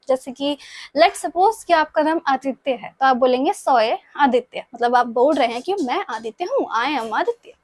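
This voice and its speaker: A young woman, a Spanish tutor with a sore throat, speaks in a high voice in clean studio sound with no echo. She patiently explains Spanish grammar to exam students, repeats her points, and often checks in with "ठीक है?".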